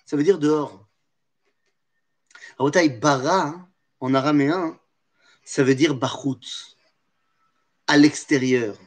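A man's voice: a little high, takes it slowly, pauses often. A man giving a religious Torah lesson, asking rhetorical questions and answering them himself, with Hebrew terms woven into his speech. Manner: mixes Hebrew terms into French. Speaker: Torah teacher.

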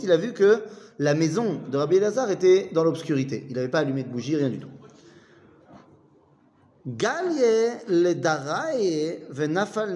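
A man's voice: fairly high pitch, a little mellow, big-room sound. A man giving a casual study lesson, reading old texts aloud and retelling them in chatty, joking speech. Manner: reads Aramaic, then retells it in chatty, joking French. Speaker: teacher.

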